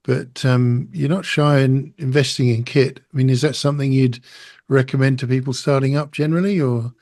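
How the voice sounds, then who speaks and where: Male interviewer, mid-pitched. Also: steady tone, moderate pace, darkish tone. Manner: probing, thinks aloud through long questions. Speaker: podcast host. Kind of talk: interview questions.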